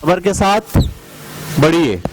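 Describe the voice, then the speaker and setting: Man, teacher, high voice, slow drilling delivery, faint traffic behind. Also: sing-song. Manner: slow, drills sounds by spelling them out and repeating. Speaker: teacher trainer. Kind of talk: classroom instruction.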